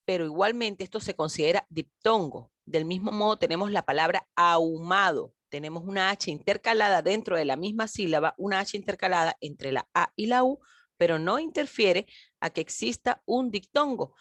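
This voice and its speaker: A woman's voice: medium pitch, dry recording. Woman, teacher, recorded lesson, emphatic, stretches key words, dry sound. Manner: addresses pupils directly.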